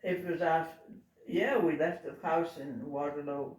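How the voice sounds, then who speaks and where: A very old woman in her nineties from Belgium, recalling her past informally and haltingly as she searches for words. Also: low-pitched, darkish tone. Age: 90s. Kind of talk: informal oral reminiscence. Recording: roomy home recording, distant mic, faint noise.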